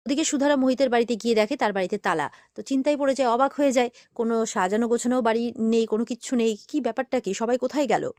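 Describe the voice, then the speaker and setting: A woman retelling a serial episode as a story, talking quickly with frequent "um"s and "aah"s. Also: a little high, a little mellow, no echo, clean studio sound. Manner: rapid, with fillers like "um" and "aah". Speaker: serial recap narrator. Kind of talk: fast storytelling recap.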